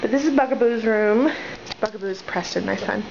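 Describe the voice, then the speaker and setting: A woman's voice: medium pitch, normal speed, gravelly. Young woman rambling thru her house on a camcorder, laughing at her own mess, muffled sound, background hum. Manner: chatty, self-deprecating, rambling asides. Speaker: vlogger. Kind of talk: casual house tour vlog. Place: home, walking through rooms. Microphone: handheld camera mic. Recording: dull lo-fi camera audio with household noise.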